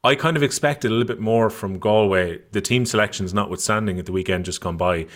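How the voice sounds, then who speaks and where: A man's voice: lowish voice, quick pace. A man with an Irish accent hosting a sports discussion in a conversational style. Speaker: sports show host.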